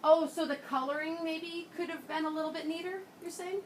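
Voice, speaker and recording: High-pitched woman, encouraging kindergarten-teacher voice. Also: steady tone, brisk, reverberant. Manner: kindergarten-teacher voice, encouraging, repeats children's answers. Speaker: early grade teacher leading class discussion. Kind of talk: classroom teaching with questions to young children. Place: classroom with children. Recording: noisy classroom, picked up from far off.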